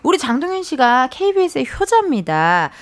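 A woman's voice: high-pitched, sing-song. Bubbly female radio host. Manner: bubbly, teasing, fast reactions. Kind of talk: casual radio chat. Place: radio studio.

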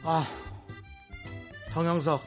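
A woman's voice: deep voice, level tone, slow, faint music behind, voice pushed down. A woman voicing a fed-up female coworker in a comic radio sketch, nagging and exasperated.

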